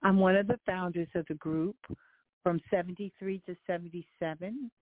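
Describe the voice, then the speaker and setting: A woman's voice: fairly low pitch, steady tone, moderate pace, no room sound. An older woman from Philadelphia, a guest singer, talking in a friendly, chatty way with many fillers during a call-in radio interview. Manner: friendly, talkative, lists details with many fillers. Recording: dry, tinny phone line.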